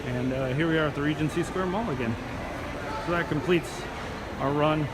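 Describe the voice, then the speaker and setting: Casual male vlogger over loud background noise. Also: a little high, normal speed. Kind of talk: casual walk-around vlog commentary. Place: inside a large shopping mall. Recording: loud air-conditioning and ambient noise.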